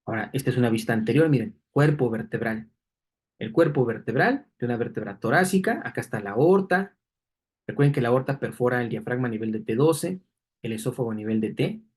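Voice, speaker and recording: Husky male anatomy lecturer. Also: mid-range voice, lively intonation, fairly quick, darkish tone. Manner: explanatory, checks in with students with tag questions. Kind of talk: classroom lecture walking through diagrams.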